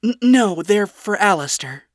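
Reader doing a high flustered young princess, eager, storybook voice, dry sound. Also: expressive, a little slow, no room sound, close to an everyday voice. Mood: sheepish. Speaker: audiobook reader voicing characters.

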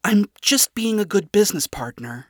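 A storyteller putting on a bright, upbeat young princess, pitched well above the narration, her voice jumping around as she stammers out apologies and excuses. The reading sounds dry and close, like a storybook audiobook. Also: big pitch swings, normal speed, no room sound, lightly acted. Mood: sheepish. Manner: bright, high, eager and flustered. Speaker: audiobook reader voicing characters.

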